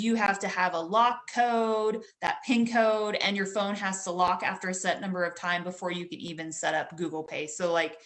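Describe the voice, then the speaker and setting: Female expert guest, medium pitch, practical and explanatory delivery. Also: fairly bright tone. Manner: practical, advice-giving, many fillers. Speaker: cyber security expert guest. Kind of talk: explanatory interview talk.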